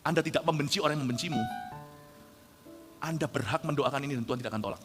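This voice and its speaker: A man in his forties, a pastor, preaching a lively storytelling sermon that swings from low asides to shouted punchlines. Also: racing. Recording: reverberant hall with faint music.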